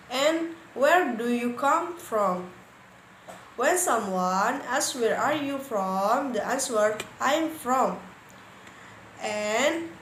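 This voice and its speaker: A woman with an Indonesian accent presenting an English lesson, reading example dialogues aloud slowly and carefully. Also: fairly high pitch, fairly bright tone. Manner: slow, careful reading with stressed words. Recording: echoey room, faint background noise.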